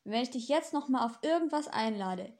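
A woman's voice: fairly high pitch, expressive, moderate pace, a little mellow. A woman voicing a sarcastic male demon in an audiobook, dry and mocking. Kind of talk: audiobook dialogue.

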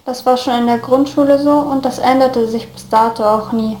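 A woman narrating a first-person story in a calm, even reading voice. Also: on the high side, moderate pace, reverberant, a little hiss or hum. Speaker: story reader.

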